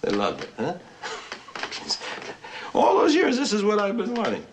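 An actor playing a tipsy, boisterous novelist who rambles and laughs, lonely under the bluster. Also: male voice, high-pitched, wildly swooping pitch, measured pace, heavily acted. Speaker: writer. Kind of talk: 1960s film acting. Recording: old film soundtrack, faint hiss.

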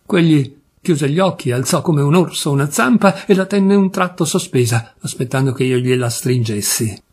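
A man narrating a classic novel in the first person, with a measured, expressive reading. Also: fairly high pitch, slightly rough. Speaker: audiobook reader. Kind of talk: literary audiobook narration.

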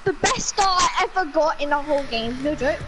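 A gamer from England chatting with slang and repeated calls during a match. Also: female voice, sits high, animated, brisk, over loud music, low-quality recording. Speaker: gamer teammate. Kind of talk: casual gaming chat. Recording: loud game audio behind.

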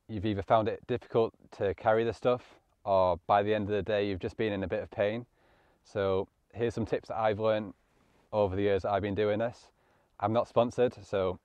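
On an open grassy hillside, a landscape photographer offers casual, matter-of-fact hiking tips straight to camera in an instructional vlog. His voice is on the low side, darkish and smooth. There's no room sound, though the recording is muffled.

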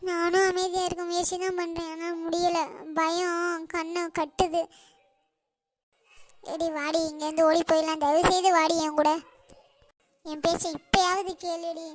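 A woman's voice: extremely high pitch, level tone, measured pace, long pauses. A woman voicing a panicky, fretful middle-aged mother in a cartoon, wailing and scolding sharply. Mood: panicked. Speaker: cartoon character.

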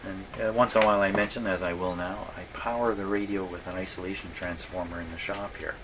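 A man with a low voice and steady tone talks quickly, casually thinking aloud while narrating radio repairs in his indoor electronics workshop. He's a radio repair hobbyist and host, musing and wryly poking fun at himself. The recording is clear, with workshop background noise.

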